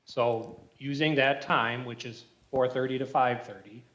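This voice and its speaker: A man's voice: mid-range voice, steady tone, a little slow, fairly bright tone, highs cut off. Man on a clipped, breaking-up call line. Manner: matter-of-fact, technical explanation. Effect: clipped, breaking-up remote call line. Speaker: traffic consultant. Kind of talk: remote testimony at a public meeting. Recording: echoey remote call audio.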